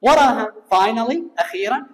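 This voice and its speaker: A man's voice: extremely high pitch, animated. Male teacher, echoey room. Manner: explains in Arabic, reading English phrases slowly. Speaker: English teacher. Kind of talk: recorded classroom lesson explanation. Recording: long reverberant room echo.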